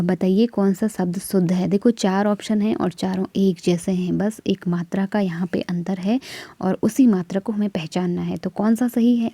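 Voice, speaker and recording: A woman walks through exam questions as a patient teacher, correcting spellings one by one. Her voice is mellow and warm, mid-pitched, and sits close and dry with no room around it. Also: no room sound. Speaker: Hindi teacher. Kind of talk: exam practice lesson.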